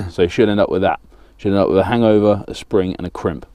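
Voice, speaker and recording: This fishing-channel host, an Englishman in his thirties with a southern accent, gives a practical step-by-step rig tutorial with his hands busy, filmed in a small indoor studio with a banner backdrop. He speaks briskly in a fairly low, mellow voice with vocal fry, and there is no room sound.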